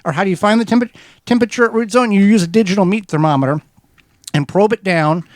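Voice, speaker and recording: Guy on a garden radio show walking thru steps, kinda high voice, dead dry studio mic. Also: fast talker, no room sound. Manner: steady, methodical how-to explaining with small restarts. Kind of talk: explanatory radio chat.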